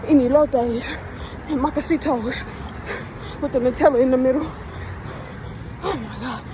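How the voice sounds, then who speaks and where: High-pitched woman panting while running. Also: measured pace. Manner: talking while running, winded and dramatically complaining. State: out of breath. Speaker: vlogger. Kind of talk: casual running vlog. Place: outdoors on a running route. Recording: noisy outdoor street with traffic.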